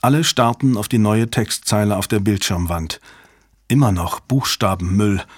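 A man narrating a thriller audiobook in a steady, even storytelling manner on a close microphone. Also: fairly low pitch, moderate pace, no echo. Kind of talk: scripted narration.

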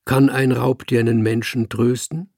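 A man voicing a calm, cool male leopard in a slow, even storybook reading. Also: mid-range voice, no room sound, clean studio sound, close to an everyday voice. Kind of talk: audiobook reading.

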